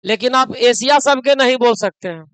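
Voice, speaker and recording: A male grammar teacher lectures his class in a very high, smooth, clear voice. He breaks off to scold his students in local dialect. The sound is dry and close. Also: moderate pace, a bit bright, no room sound, rough recording.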